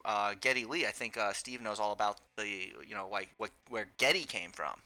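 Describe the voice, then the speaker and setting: A man co-hosting a casual music podcast, joking and animated as he tells stories. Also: fairly low pitch, a little fast, poor audio. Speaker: podcast co-host. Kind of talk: casual chat about music.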